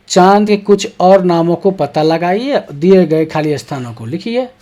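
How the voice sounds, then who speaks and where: A teacher explains textbook exercises to young schoolchildren at a deliberately slow, easy pace. Each question is read out first and then answered step by step. Regular "ठीक है" check-ins keep the lesson moving. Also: medium pitch, darkish tone.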